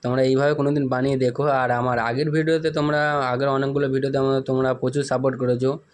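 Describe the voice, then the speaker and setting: A man with a hoarse, husky voice chats casually as he shows viewers a home recipe step by step and keeps apologizing for steps he skipped. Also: medium pitch, level tone, fast talker, a little hiss or hum. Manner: chatty, rambling, often apologizes for skipped steps. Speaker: home cooking channel host. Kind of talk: casual cooking demonstration.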